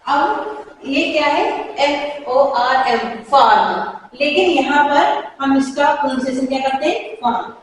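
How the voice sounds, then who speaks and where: A high-voiced woman gives a pronunciation lesson and says each example word slowly, more than once. She sounds far from the mic, in a room with strong echo and a long reverb tail. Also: a little hiss or hum. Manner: slow, repeats example words with care. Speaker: English teacher. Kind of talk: Hindi-medium pronunciation lesson.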